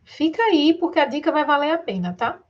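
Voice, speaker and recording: A woman's voice: sits high, expressive, fairly quick, muffled recording. A woman with a Brazilian accent teaching an exam-prep grammar lesson, stretching words out syllable by syllable and talking straight to her students with rhetorical questions. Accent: Brazilian Portuguese. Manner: addresses students directly, asks rhetorical questions.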